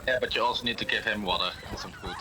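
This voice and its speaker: A man talking casually and haltingly as a player in a tabletop role-playing game. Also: on the low side, pushed and bright, a little hiss or hum, poor audio. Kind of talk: casual in-character game chat. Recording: people chattering in background.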